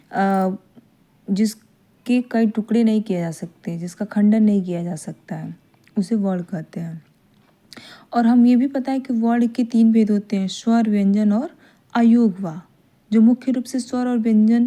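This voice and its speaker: Woman, grammar lesson, fairly high pitch, repeats points, drawn-out demonstration vowels. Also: dark tone. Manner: repeats points, often adds a checking "theek hai"; draws out vowel sounds slowly to demonstrate. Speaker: teacher.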